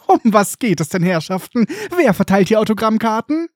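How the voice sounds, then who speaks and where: A man's voice: sits high, very animated, normal speed, dry recording, clean studio sound, pitched above the performer's own voice. Gilderoy Lockhart, a man doing a pompous vain teacher. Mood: jovial. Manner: pompous, fatherly. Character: vain theatrical adult male celebrity teacher.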